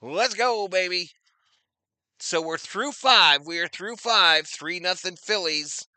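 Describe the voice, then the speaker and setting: Bright-voiced man calling a baseball stream. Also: high-pitched, slow pace, dry recording. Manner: chatty, reads out viewer names, loud on big plays. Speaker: streamer doing play-by-play. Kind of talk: casual live-stream baseball commentary.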